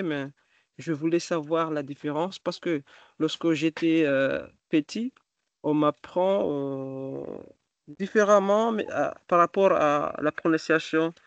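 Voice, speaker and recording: A male student speaking up on a video call, slow and hesitant, full of pauses as he works out his question. His voice is a little higher than most men's, and the sound is dull and dry. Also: dry recording. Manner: hesitant, many fillers and restarts. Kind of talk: asking a question in class.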